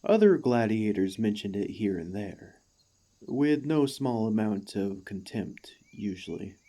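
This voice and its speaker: Speaking at a measured pace with a fairly low voice, a man plays a devoted, earnest warforged ex-gladiator in ASMR roleplay. His delivery is very animated, and he talks to the listener with courtesy, formality, and a gentle hesitancy that feels warm and tentative.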